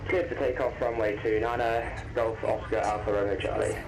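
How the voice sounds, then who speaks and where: A man's voice: medium pitch, little pitch movement, moderate pace, echoey room, noisy background. A man making terse pilot radio calls and readbacks through a headset mic. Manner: terse, procedural phrasing. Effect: pilot radio call over a headset mic.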